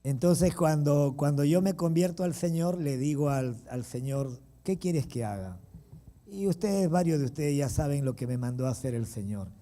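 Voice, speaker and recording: A male pastor, preaching through an animated personal story with chuckles and asides to the congregation. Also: a little high, moderate pace, few pauses. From Peru. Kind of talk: storytelling sermon.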